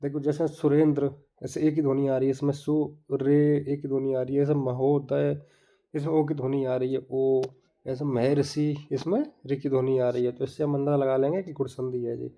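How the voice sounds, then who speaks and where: A man's voice: mid-range voice, flat delivery, a little fast, warm tone. A man teaching grammar in an exam-prep lesson, explaining step by step and repeating each term. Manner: explains step by step, repeating terms and asking the viewer to look.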